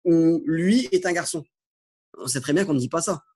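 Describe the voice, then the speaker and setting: A man's voice: on the high side, normal speed, darkish tone, slightly rough. A man teaching an Arabic lesson, repeating and rephrasing key points and often checking in with "ok?". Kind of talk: explaining a language lesson.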